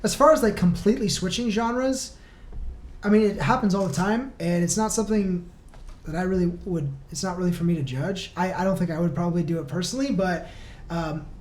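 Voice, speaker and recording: A woman with a slightly mellow voice on the low side talks briskly as a band member guest on a podcast. She sounds casual and enthusiastic, recorded in a roomy, echoey space with noise.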